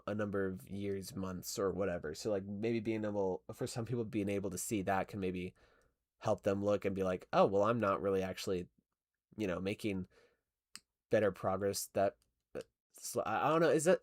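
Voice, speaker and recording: Here the streamer's voice is low and darkish, moving at a normal speed over a dry, studio-quality recording. He's a young man animating stop-motion live, chatting and reading chat in a rambling way, with frequent laughter, fillers, and self-corrections.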